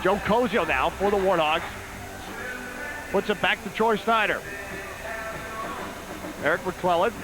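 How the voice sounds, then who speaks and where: A man's voice: high-pitched, unhurried, pauses often, music in the background, poor audio. A man calling live play-by-play commentary on an indoor soccer broadcast. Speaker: play-by-play sports announcer.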